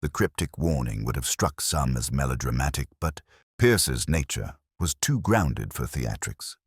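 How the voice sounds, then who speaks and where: Narrating a first-person detective mystery for an audio drama, a man with an extremely deep, slightly breathy voice speaks in a solemn, measured way. His pitch moves with liveliness across carefully crafted literary lines, and the recording is close and dry, without echo.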